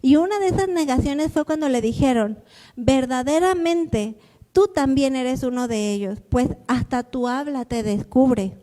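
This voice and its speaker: A woman preaching a sermon to a women's gathering, earnest, slowing down to read scripture verses deliberately. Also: high voice, dark tone, big-room sound. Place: church hall.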